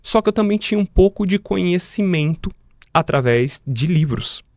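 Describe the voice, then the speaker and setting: A man's voice: high-pitched, expressive, normal speed, a little mellow, no echo. A man with a Brazilian accent, a guest in a podcast studio, telling a personal story vividly and acting out the dialogue. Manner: vivid, talks to the host as "cara", acts out the dialogue.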